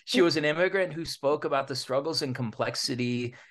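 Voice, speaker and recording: Over a noisy crowd, a man with an American accent hosts a podcast in an informal, slangy style, slipping in bits of Spanish during casual hosting and interviewing. His voice is a little high and fairly quick.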